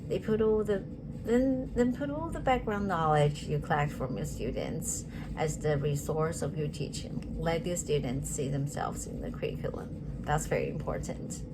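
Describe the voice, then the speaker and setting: A low-voiced woman whose first language is Chinese gives rehearsed answers as a teacher interview candidate. She is earnest and measured, often restarting and correcting herself, with steady background noise in the recording.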